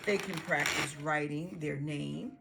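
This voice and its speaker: A woman teacher explains learning activities to parents in an encouraging way, sometimes acting out bits of dialogue. Her voice sits a little low and has a gravelly fry. She talks like a guide making a friendly how-to video. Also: fairly even intonation, measured pace, heavy background noise. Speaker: pre-K teacher.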